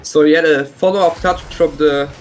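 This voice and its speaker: A man giving color commentary on a live esports match, analysing plays in a halting way. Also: on the high side, steady tone, slight background noise, low-quality recording. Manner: halting, analytical, many fillers and restarts.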